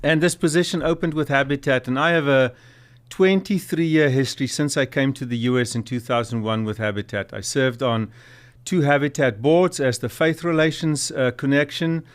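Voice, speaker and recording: A middle-aged South African man with a light accent, executive director of a nonprofit, tells stories as a guest in a casual talk-show interview. He's earnest and uses many fillers, speaking at medium pitch and a moderate pace.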